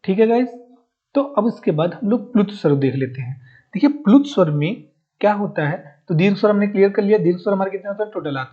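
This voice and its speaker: A male teacher giving a recorded grammar lesson. He asks his students a question, answers it himself, and repeats each definition slowly so they can take notes. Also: high voice, lively intonation. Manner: mixes in English words, addresses viewers as guys. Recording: muffled, dull recording.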